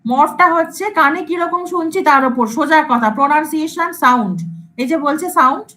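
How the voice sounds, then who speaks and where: High-voiced woman lecturing a class. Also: fairly quick, fairly bright tone, low-quality recording. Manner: explains by repeating example words, checks if students follow; mixes English terms into her speech. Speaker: computer science lecturer.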